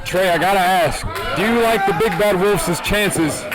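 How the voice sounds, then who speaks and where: A man giving excited, emphatic play-by-play commentary at a wrestling show. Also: high-pitched, unhurried, poor audio. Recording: loud music and crowd behind.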